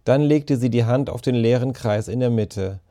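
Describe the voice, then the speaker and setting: Man with a mellow, dark voice reading a story. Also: medium pitch. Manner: calm, measured storytelling. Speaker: narrator.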